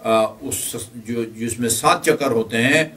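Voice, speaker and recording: Middle-aged male religious teacher, halting lecture delivery, mid pitch, recorded slightly off-mic. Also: fairly bright tone, far from the mic, slight background noise. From Pakistan. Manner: hesitant, many filler sounds; explains step by step. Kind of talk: Hajj training class lecture.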